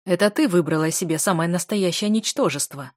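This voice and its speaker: A woman's voice: lowish voice, a little fast, no echo, clean studio sound, lightly acted. A woman voicing a cruel, mocking young aristocrat man in an audiobook, jeering and taunting.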